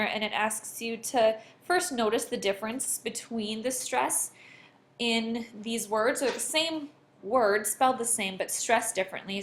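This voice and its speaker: A woman teacher talking her class through a homework worksheet over a screen recording, explaining each answer and reading examples aloud with exaggerated stress. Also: medium pitch.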